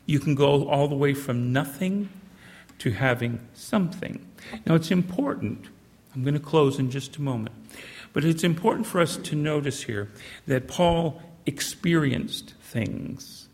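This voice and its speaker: A Canadian-born man preaching a sermon in a church, earnest and measured, slowing down to stress key phrases. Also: on the high side, lively intonation, a little mellow. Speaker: pastor. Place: church sanctuary. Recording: reverberant church hall.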